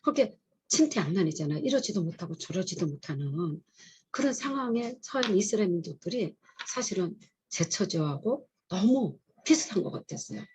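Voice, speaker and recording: A woman's voice: on the low side, expressive, a little fast, darkish tone, a little hiss or hum, poor audio. A middle-aged woman, a pastor's wife, giving an earnest, confessional testimony at a chapel service. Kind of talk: testimony sermon.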